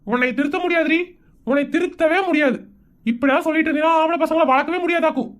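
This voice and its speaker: A woman's voice: high voice, fast, lightly acted. A woman voicing an exasperated village father in a cartoon comedy, scolding in a rural Tamil Nadu accent.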